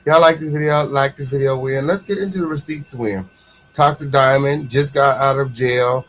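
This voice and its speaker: A man's voice: medium pitch, fairly even intonation, moderate pace, a bit bright. An American man hosting a casual gossip livestream, talking in a sassy, slangy way and repeating phrases for emphasis. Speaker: host of an online gossip commentary show.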